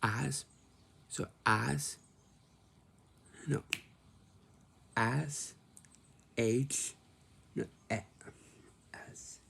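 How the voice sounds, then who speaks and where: A man's voice: medium pitch, fairly even intonation, drawn-out words, gravelly, pauses often, fairly bright tone, husky. A man in his twenties talking casually to the camera, repeating himself and answering his own questions. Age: 20s. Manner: repetitive, asks himself questions and answers them.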